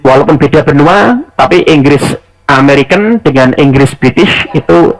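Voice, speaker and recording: A young man runs an online English prep class. His voice sits a bit high, and he talks in a loose, chatty way, stopping to fix his own slips. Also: animated, moderate pace, rough recording. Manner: casual, self-correcting, chatty asides. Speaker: English test tutor.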